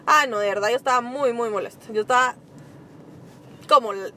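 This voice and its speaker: A young woman with a Guatemalan accent, co-hosting a casual chat from inside a car, expressive and emphatic, laughing often. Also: fairly high pitch, brisk, a little hiss or hum. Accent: Guatemalan Spanish. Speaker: podcast co-host, small bakery owner.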